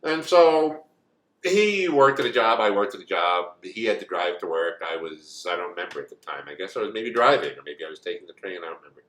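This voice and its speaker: A man's voice: low-pitched, expressive, fairly quick, a bit bright. A man in his forties from the United States, telling a personal story in a rambling, casual way with many asides. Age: 40s. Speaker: co-host. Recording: echoey room.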